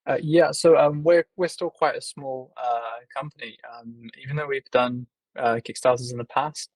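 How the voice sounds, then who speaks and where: A man from the UK, a company founder, explaining things in a measured way with many ums and uhs during an interview. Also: medium pitch, fairly even intonation, no echo, rough recording. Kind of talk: casual video interview.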